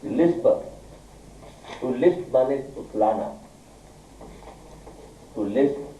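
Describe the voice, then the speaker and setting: A man's voice: medium pitch, lively intonation, drawn-out words, mellow, slight background noise. A male English teacher lecturing a class, firing questions at his students and scolding them. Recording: echoey room, far from mic.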